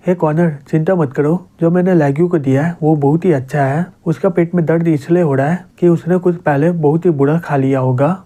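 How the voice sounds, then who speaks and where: A man narrating a comic story recap, reading every character's lines in a plain, even storytelling voice. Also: on the high side.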